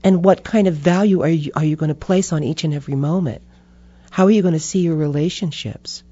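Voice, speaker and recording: Older woman, interview guest, animated, laughing, mellow tone, dull lo-fi audio. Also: low voice, fairly quick, breathy edge. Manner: animated, laughing, acts out voices in stories. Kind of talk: casual chat.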